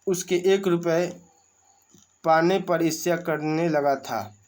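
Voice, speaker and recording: Slow-talking male teacher explaining a story. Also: a little high, darkish tone. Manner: reads a passage aloud, then explains it in plain words. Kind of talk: reading and explaining a school lesson.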